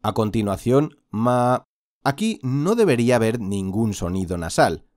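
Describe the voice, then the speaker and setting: Patient male teacher, lively pitch. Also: no echo, studio quality. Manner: patient, drawn-out demonstration of sounds. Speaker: Quran recitation teacher. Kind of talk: slow instructional lesson with repeat-after-me drills.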